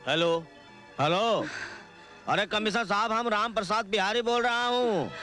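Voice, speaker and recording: A crude politician. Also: male voice, sits high, unhurried, pushed and bright, faint music behind. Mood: boastful. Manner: boastful, bossy, rustic speech. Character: crude lecherous middle-aged male politician. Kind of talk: Hindi film dialogue.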